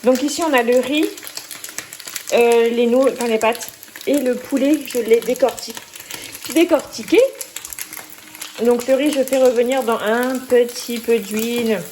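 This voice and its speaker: A woman's voice: a little high, fairly even intonation, unhurried, pauses often, a little mellow, a little hiss or hum. Chatty French woman cooking at home. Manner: chatty, hesitant, many fillers. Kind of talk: casual cooking vlog voice-over.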